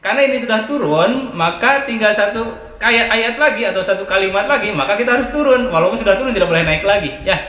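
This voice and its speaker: A man teaching Quran recitation, switching between quick, soft explanations and drawn-out, melodic chanted verses. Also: high-pitched, echoey room, big-room sound. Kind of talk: Quran recitation tutorial, sung examples.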